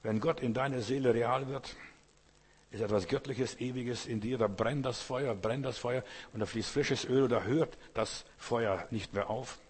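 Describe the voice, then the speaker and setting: A man's voice: medium pitch, moderate pace, husky. A man preaching a sermon, speaking directly to the listener with emphatic repetition. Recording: long hall reverb.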